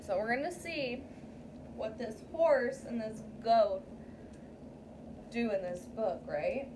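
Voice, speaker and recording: This teacher's voice is on the high side and slow as she reads a story aloud to her young class. She often pauses to check in with "okay?" or "right?", recorded from a distance with clear room noise.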